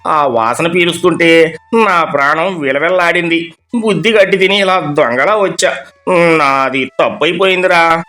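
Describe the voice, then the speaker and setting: A man's voice: on the high side, unhurried, bright, forceful tone. A man voicing a sneaky middle-aged neighbor who wheedles and pleads after being caught stealing. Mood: apologetic. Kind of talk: animated storybook voice acting.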